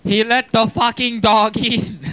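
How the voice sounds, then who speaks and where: A man imitating a furious middle-aged father, yelling in a shrill, drawn-out voice. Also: flat delivery, heavily acted.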